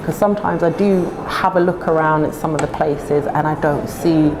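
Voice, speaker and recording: A woman's voice: low-pitched, steady tone, normal speed, background noise. A woman with a London accent, chatting casually in a playful, jokey way. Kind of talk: casual chat. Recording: music behind the voice. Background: music.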